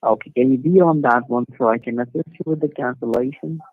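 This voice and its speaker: Brief: fake support agent on a dry, thin phone line, scripted and pushy. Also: male voice, mid-range voice, fairly quick, no echo. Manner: scripted, repeats questions insistently. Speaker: scam caller posing as tech support. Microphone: phone call.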